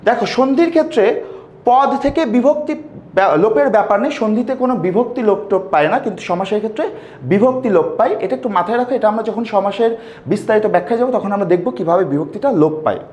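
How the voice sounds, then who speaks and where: A man's voice: high voice, very fast, darkish tone, reverberant. A man teaching a grammar lesson, repeating key terms and putting questions to his students. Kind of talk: classroom lesson.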